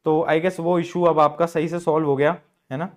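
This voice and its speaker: Chatty high-voiced male teacher. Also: little pitch movement, normal speed. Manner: chatty, repeats phrases, mixes English into Hindi. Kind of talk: online class lecture.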